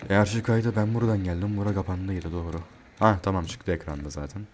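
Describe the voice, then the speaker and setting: A man playing a horror game and commenting, joking and swearing, yelling in panic when chased. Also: deep voice, fairly even intonation, quick pace, background noise. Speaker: gamer.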